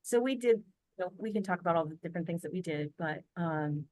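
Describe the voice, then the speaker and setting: Quick and expressive, an American woman with a lowish, darkish voice tells a family story over a video call for a podcast. The recording is dry, and her earnest, chatty telling is full of fillers and restarts.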